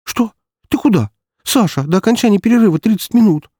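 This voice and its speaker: A man's voice: mid-range voice, expressive, quick pace, dark tone, dry recording, studio quality, pitched above the performer's own voice, close to an everyday voice. A man voicing an emotional young woman lawyer in an audiobook, speaking in a raised, agitated voice. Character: sharp young female defense lawyer, emotional.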